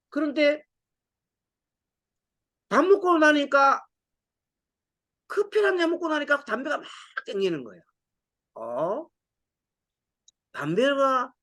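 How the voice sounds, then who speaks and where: A middle-aged man, a Buddhist monk, giving a Sunday dharma talk, telling stories with acted-out dialogue and frequent laughs. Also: very high-pitched. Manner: lively storytelling, acts out dialogue, laughs often.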